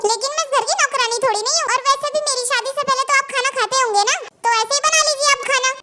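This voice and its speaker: Brief: dubber playing a cheeky, argumentative young bride, very high chipmunk pitch, loud music beneath. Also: racing. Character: sassy demanding young daughter-in-law. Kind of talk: comedic Hindi fan dub. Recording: loud music bed over voice.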